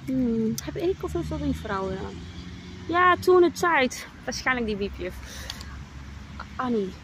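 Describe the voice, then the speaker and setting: A woman's voice: sits high, expressive, a little slow, a bit bright, rough recording. Woman in her 30s venting to her followers outside, keeps saying wow, faint traffic behind. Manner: exclaims "wauw" often, mixes in English phrases, addresses viewers as "mensen". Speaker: vlogger. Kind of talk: emotional personal vlog.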